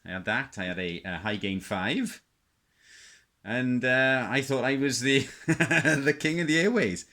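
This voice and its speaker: His medium-pitched voice is bright and forceful, a little slow. A middle-aged South Welsh man, he's a radio hobbyist showing his setup in an unscripted, hesitant way, drifting into reminiscence.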